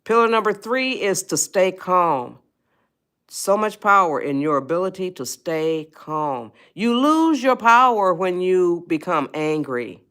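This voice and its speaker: A woman's voice: fairly low pitch, big pitch swings, a little slow, a bit bright, smooth. A woman author giving a live-stream talk on parenting, emphatic and repetitive and often checking in with her viewers. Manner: speaks directly to viewers as a group.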